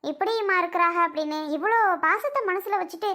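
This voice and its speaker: A woman's voice: very high voice, quick pace, pushed and bright. A woman playing a middle-aged mother who firmly lectures her son in a family skit. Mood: lecturing. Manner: firm, lecturing.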